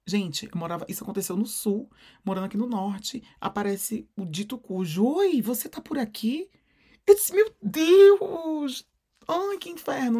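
Husky-voiced Brazilian man, animated storyteller. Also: very high-pitched. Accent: Brazilian Portuguese. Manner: animated storyteller, acts out quotes. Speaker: podcast co-host. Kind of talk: casual chat.

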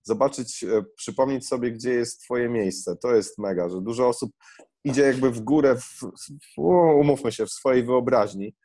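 A man's voice: medium pitch, moderate pace, warm tone, dry recording. A man who runs workshops, talking in a casual podcast chat, hesitant and full of fillers and restarts. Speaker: podcast co-host, workshop leader.

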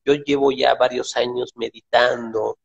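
A man talking in a relaxed, reflective way, often ending his points with a tag question. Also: medium pitch, unhurried, gravelly, slightly rough, lo-fi sound. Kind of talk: casual conversation.

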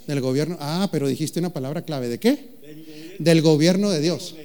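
A male pastor preaches in a fairly high voice. He jokes with the congregation, throws questions at them and stretches out key phrases with slow, deliberate emphasis. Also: darkish tone. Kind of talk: sermon.

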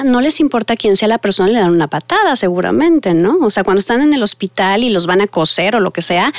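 This middle-aged woman, a family therapist, earnestly recounts stories while speaking directly to the people listening. Her pitch is fairly high and the recording is dry.

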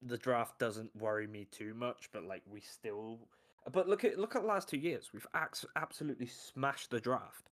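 A man's voice: medium pitch, normal speed, fairly bright tone. A man co-hosting a podcast, talking sports in a blunt, casual way and swearing freely. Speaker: podcast co-host. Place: lives in Ohio.

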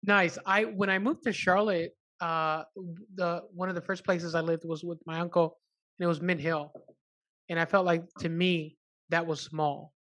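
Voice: medium pitch, fairly even intonation, moderate pace, fairly bright tone. A podcast host who says they are hungover, chatting casually with a guest, loose and swearing freely. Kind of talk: casual chat.

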